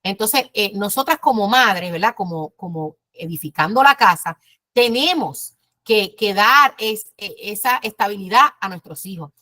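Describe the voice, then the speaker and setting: A woman's voice: mid-range voice, expressive, unhurried, bright, forceful tone, dry recording. A woman, perhaps in her fifties, teaching mothers at church in an earnest, direct, exhorting way. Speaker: women's ministry teacher.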